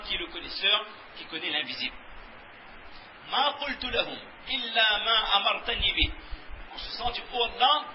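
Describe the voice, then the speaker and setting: A man preaching a lecture, reciting verses and then slowly explaining them in his own words. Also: high-pitched. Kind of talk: religious lecture with Quran recitation. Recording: echoey, dull lo-fi recording with faint hiss.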